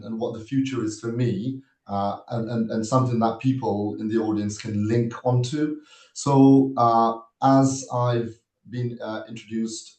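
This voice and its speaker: A man in his thirties from Nepal, giving an earnest, measured webinar talk as a guest speaker, pausing often to find his words. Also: fairly low pitch, a little mellow. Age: 30s. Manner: earnest, measured, with frequent hesitations. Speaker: guest speaker, army officer. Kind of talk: webinar presentation. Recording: echoey room sound.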